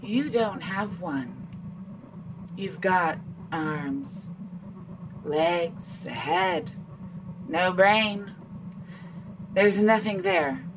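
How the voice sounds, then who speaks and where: A teasing mind-reading android. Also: female voice, mid-range voice, sing-song, very slow, gravelly, long pauses, noisy background, exaggerated voice. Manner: teasing, mocking, laughs between lines. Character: playful mind-reading female android, taunting. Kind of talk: audio drama acting.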